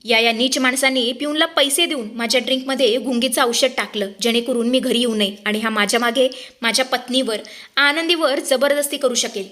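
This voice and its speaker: A stern, indignant hero husband from a TV serial, issuing firm commands, as a woman storyteller acts him out. The voice stays fairly high. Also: a little fast, a bit bright, close to an everyday voice. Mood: commanding.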